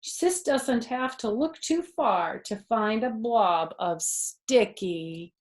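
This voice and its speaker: On the high side and taking things slowly, this woman's voice carries a story to the children in the living room. She is a grandmother in her fifties, expressive in her reading, who offers simple explanations of words and asks her listeners questions.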